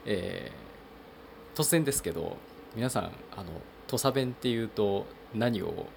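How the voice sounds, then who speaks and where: Low, gravelly man with a Tosa accent. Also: lively intonation, slow pace, background noise. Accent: Tosa dialect. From Kochi, Japan. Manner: hesitant, many fillers and restarts. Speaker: podcast host. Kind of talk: casual solo talk.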